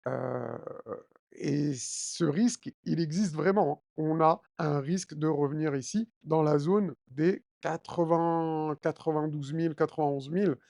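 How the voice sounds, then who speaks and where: A man's voice: a little high, a little slow, vocal fry, dark tone, dry recording, clean studio sound. A man casually talking viewers through a trading chart, with many fillers and frequent check-ins with his audience. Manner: addresses viewers directly with frequent d'accord and hein. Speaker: crypto trading YouTuber. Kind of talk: chart analysis walkthrough.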